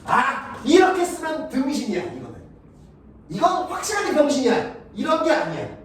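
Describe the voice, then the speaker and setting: A man's voice: very high-pitched, sing-song, normal speed, recorded from a distance, slight background noise. Blunt, profane male math teacher, echoey classroom. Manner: blunt, crude and profane, keeps checking if students follow.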